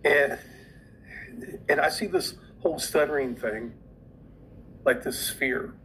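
A man's voice: medium pitch, slow, creaky, sharp tone, a little hiss or hum, poor audio. A man who is a podcast guest, earnestly explaining an idea and often repeating words as he goes.

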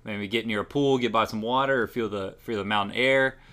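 Bright-voiced podcast host. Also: male voice, on the low side, steady tone, brisk. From North Carolina. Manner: upbeat, laid-back, laughs easily. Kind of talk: casual chat. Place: small local studio.

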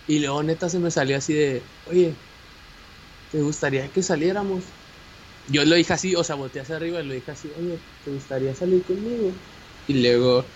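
A young man with a Mexican Spanish accent telling a personal story in casual chat, animated and slangy, with many fillers and restarts. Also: medium pitch. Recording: dull lo-fi audio with faint hiss.

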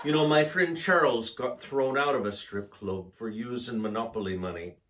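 A man co-hosting a casual chat, telling jokes in a playful, unhurried way. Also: noisy background. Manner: slow, playful joke-telling with lively pitch. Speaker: co-host.

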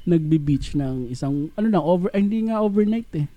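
A man's voice: on the high side, lively intonation, a little fast, dry recording, muffled recording. A man from Mindanao, co-hosting a casual chat with joking, teasing banter. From Mindanao, Philippines.

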